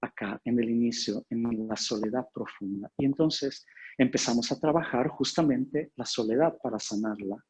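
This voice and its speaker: A man speaking as a therapist, giving a measured, explanatory spiritual talk that reads passages aloud and walks through client cases. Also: mid-range voice, a little mellow, husky, low-quality recording. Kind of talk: spiritual talk with case examples.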